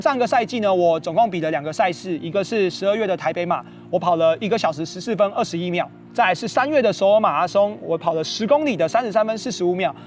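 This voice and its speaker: A man's voice: sits high, a little hiss or hum. A man with a Taiwanese Mandarin accent hosting a running podcast, explaining training in an organized, step-by-step way. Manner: organized, instructional, step-by-step delivery. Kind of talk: explanatory talk to followers about training.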